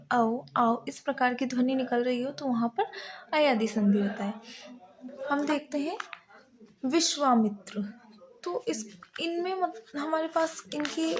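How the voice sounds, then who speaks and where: Slow high-voiced woman teaching grammar. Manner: slow, patient, spelling out word parts one by one. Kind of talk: Hindi grammar lecture.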